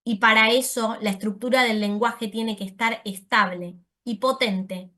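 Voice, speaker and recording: Woman, online lecture; bright, slightly high voice, explains patiently and corrects herself. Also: fairly even intonation, unhurried. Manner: explanatory, uses voseo, self-corrects. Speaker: speech therapist giving a talk. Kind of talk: lecture to an audience.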